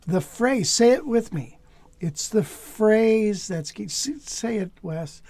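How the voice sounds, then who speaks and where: Husky-voiced man teaching jazz guitar. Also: high-pitched, lively intonation, slow, a little mellow. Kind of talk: relaxed lesson talk.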